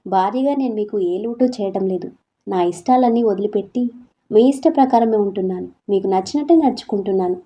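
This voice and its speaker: A woman voicing a young wife who is hurt but stands firm, speaking softly and with resolve. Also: medium pitch, fairly quick, lightly acted. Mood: defiant. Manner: soft, tearful, turning resolute. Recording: slightly dull lo-fi audio.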